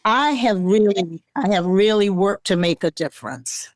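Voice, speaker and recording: A woman in her eighties, a guest in an interview, speaking earnestly and deliberately, sometimes restarting her words. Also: medium pitch, no echo, clean studio sound. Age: 80s. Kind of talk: casual interview talk.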